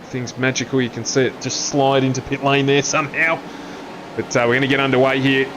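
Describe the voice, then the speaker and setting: A man's voice: flat delivery, fairly quick, background noise. A man commentating an online sim race, reading grid positions and calling incidents. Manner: reels off names, jumps in pitch at crashes.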